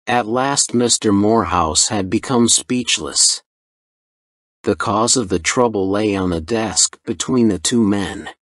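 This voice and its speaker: A man reading a story slowly and deliberately for English learners. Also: on the low side, no room sound, studio quality. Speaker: narrator. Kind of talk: slow scripted story narration for English learners.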